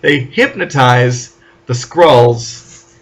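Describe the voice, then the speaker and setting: A man talks casually as a podcast co-host, walking through comic book plots in an animated way. He sometimes drops into short acted-out lines for the characters before going back to his own voice. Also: medium pitch. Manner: animated, acts out characters' lines in quick asides.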